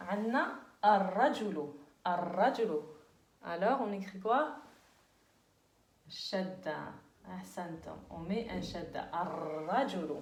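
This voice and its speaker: A woman teaching a language lesson, patiently repeating words slowly and often checking that her students understand. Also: lowish voice, reverberant. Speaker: Arabic teacher.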